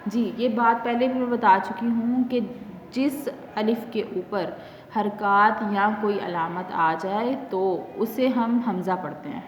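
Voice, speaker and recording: A woman with a Pakistani Urdu accent teaching a Quran reading lesson. She explains patiently with many fillers, then drills each letter and its sound slowly. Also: medium pitch, slight background noise. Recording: echoey, dull lo-fi classroom recording.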